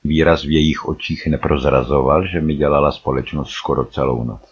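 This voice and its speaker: A man narrating an audiobook in a measured, somber way. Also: a bass voice, fairly even intonation, slightly rough. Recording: slightly dull recording.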